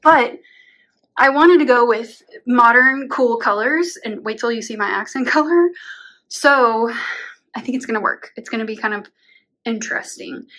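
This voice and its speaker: A young woman with a slightly high voice talks casually to her camera at home, rambling with plenty of "like"s and little laughs. She sounds worn out and sometimes short of breath after a long day of painting. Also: moderate pace, fairly bright tone. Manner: chatty, rambling, uses "like" often, laughs between words. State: tired, out of breath at times. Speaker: vlogger. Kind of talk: casual vlog talk to camera. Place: home bedroom being painted.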